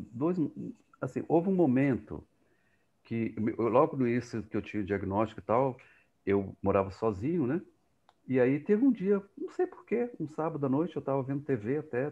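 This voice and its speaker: A man telling a personal story in an emotional, animated way on a video call. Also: mid-range voice, highs cut off. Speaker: speaker.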